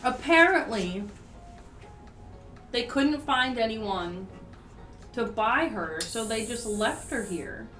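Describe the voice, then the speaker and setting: A woman's voice: a little high, lively intonation, takes it slowly, pauses often, a bit bright, recorded from a distance. A woman voicing Matillery, a prim cat princess who works as an innkeeper, in a haughty, matter-of-fact, sing-song manner. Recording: roomy, from the mic, faint music.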